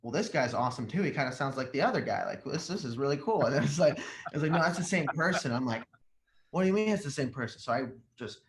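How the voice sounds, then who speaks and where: A rock singer in his 20s, a native Arabic speaker from Jordan who relocated to the United States as a small child, joins a podcast by video call from his home living room. His voice is mid-range and his pace quick as he spins lively, casual stories, and the echoey indoor space adds faint noise.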